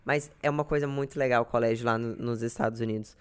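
A woman's voice: very deep voice, fairly even intonation, quick pace, clear, resonant tone. A young woman from Brazil, chatting casually as a podcast guest and telling self-deprecating stories. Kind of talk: casual chat.

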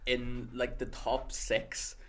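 A man's voice: medium pitch, monotone, takes it slowly, fairly bright tone. A young Northern Irish man co-hosting a podcast, chatting casually, rambling with lots of fillers and laughs. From Northern Ireland. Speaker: podcast co-host. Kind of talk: casual chat.

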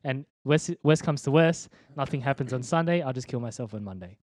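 In clean studio sound without room echo, the interview guest, a young church leader, speaks briskly with lively intonation, medium pitch and a darkish tone. His faith testimony comes out relaxed and slangy, peppered with ums and false starts.

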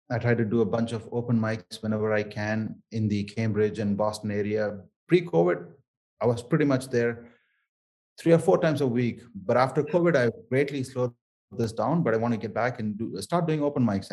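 A man's voice: medium pitch, darkish tone. Male interview guest, thick South Indian accent, native Tamil speaker, mid-range voice, conversational delivery. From Chennai area, Tamil Nadu, southern India. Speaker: interview guest, Toastmasters member.

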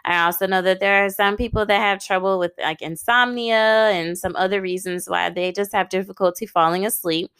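A woman's voice: mid-range voice, a little fast, hardly any pauses, fairly bright tone, clean tone, no room sound. An American woman in her thirties hosting a solo advice podcast, speaking conversationally in an encouraging, emphatic and plain-spoken way. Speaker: podcast host and licensed counselor.

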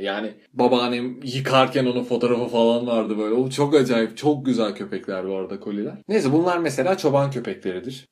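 A young man talking loosely to his audience with an exasperated, ranting edge. His voice sits at a middle pitch, and he jumps up in pitch when something annoys him. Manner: animated, exasperated ranting with swearing. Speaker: podcast host. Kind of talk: casual monologue.

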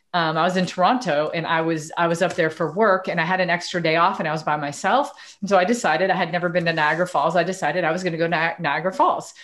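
A woman hosting a casual chat, telling a personal story with lively acted-out dialogue. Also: on the low side. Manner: animated, acts out quoted dialogue. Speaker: podcast host.

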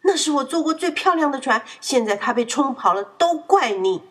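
A woman's voice: mid-range voice, normal speed, slightly rough. A woman voicing a proud, quarrelsome young boy in a children's story, raising her voice when he gets upset. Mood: angry. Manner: excitable, shouts when upset.

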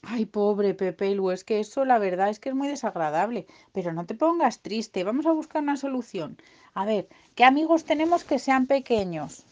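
A woman's voice: a little high, lively intonation, normal speed, lightly acted. A woman voicing a big, kind, motherly female cow-dinosaur in a bedtime story, speaking in a soothing, coaxing way. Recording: dull lo-fi recording.

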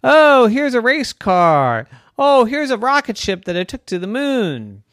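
A man voicing a quirky, boastful old neighbor man who rambles jokily with sudden high bursts. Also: big pitch swings, a little slow, fairly bright tone, no room sound, clean studio sound, exaggerated voice. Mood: jaunty.

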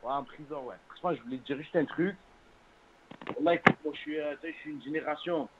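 A man's voice: on the high side, very noisy. Young French suburban man, slangy, tinny phone. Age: 20s. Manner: earnest, halting, repeats oaths and words. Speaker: phone-in caller. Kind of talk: casual chat in French suburb street slang. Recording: narrow, tinny phone-line sound.

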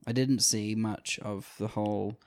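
A man's voice: fairly low pitch, steady tone, unhurried, a little mellow. A man co-hosting a film review podcast in casual chat, riffing on jokes and laughing easily. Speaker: podcast co-host.

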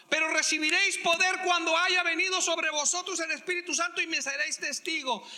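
High-voiced preacher, bright and gravelly. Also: male voice, big-room sound. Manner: preaching with slow emphatic stresses and acted-out quotes. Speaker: pastor. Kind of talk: sermon.

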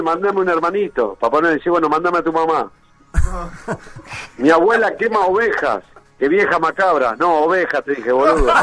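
A man's voice: high-pitched, low-quality recording. A man with a Rioplatense Spanish accent telling one joke after another on a radio show, laughing at his own punchlines. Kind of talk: rapid-fire joke telling.

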